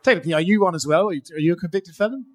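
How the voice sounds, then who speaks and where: Brief: male reporter, extremely fast questions, somewhat high voice. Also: animated. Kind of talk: press conference questions.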